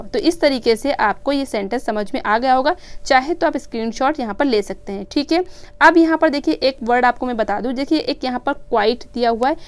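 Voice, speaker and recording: A woman's voice: on the high side, smooth. A woman with an Indian English accent teaching an exam-prep grammar lesson. She explains step by step and keeps asking and answering her own questions. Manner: mixes English terms into her teaching talk.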